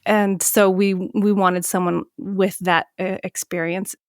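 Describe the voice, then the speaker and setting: A woman musician chatting as a podcast guest, rambling and animated, acting out her own past remarks. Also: mid-range voice, unhurried, no room sound, clean studio sound. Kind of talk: casual interview chat.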